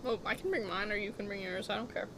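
A young woman co-hosting a casual podcast, giggly, full of "like" and sometimes dropping to a soft whisper. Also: medium pitch, fast. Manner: giggly, uses "like" a lot, drops into soft whispers. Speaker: podcast co-host. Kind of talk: casual chat. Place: outdoors near passing traffic and planes. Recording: outdoor background noise. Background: traffic and a passing plane.

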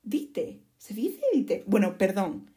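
A woman's voice: medium pitch, lively intonation, takes it slowly, mellow, breathy edge. A young woman with a Spanish accent from Spain, hosting a casual podcast monologue in a frank, chatty way, often restarting and correcting herself. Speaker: podcast host.

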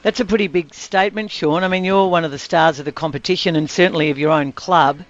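A man's voice: a little high, quick pace. An Australian man working as a radio sports interviewer, putting questions in a conversational style. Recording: muffled radio audio.

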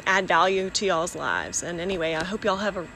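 A woman's voice: lowish voice, fairly quick, sharp tone, low-quality recording. A woman giving a casual, encouraging talk to her followers in an earnest, informal way, recorded outdoors. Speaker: podcast host and barrel racer. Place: outdoors, near dogs and horses. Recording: outdoor background noise.

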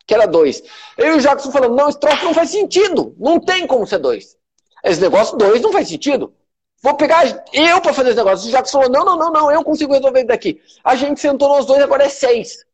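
A man's voice: very high voice, animated, fast talker, husky. A man with a Brazilian Portuguese accent hosting a motivational live stream, emphatic and repetitive, swearing freely. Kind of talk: motivational live talk to followers.

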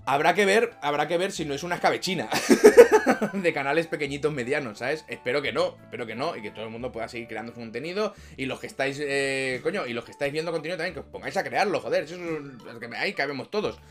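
Fast-talking, foul-mouthed Spanish man. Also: medium pitch, a bit bright, soft background music. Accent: Spain Spanish. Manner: chatty, swears a lot, laughs at own jokes. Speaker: video creator and streamer. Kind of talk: casual talk to camera.

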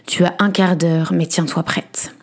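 A woman's voice: on the low side, level tone, unhurried. A woman voicing a cruel, menacing nobleman husband who interrogates and snarls at his wife in a storybook reading.

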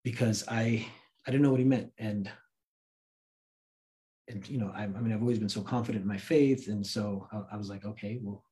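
Brisk but broken by long pauses, a voice on the low side comes from an American interview guest who works in film and grew up in Santa Cruz, California. His personal story is told casually and animatedly, with quotes acted out.

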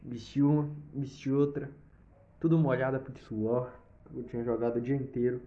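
Animated Brazilian young man telling a story. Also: medium pitch, moderate pace, slight background noise. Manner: animated, with swearing and sound effects. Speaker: vlogger telling a personal story. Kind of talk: casual storytelling. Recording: slightly dull lo-fi recording.

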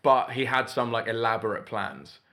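A man's voice: medium pitch, fairly even intonation, normal speed, sharp tone. A man, co-hosting a podcast in casual, rambling chat with a wry, self-deprecating edge. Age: 20s. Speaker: podcast co-host.

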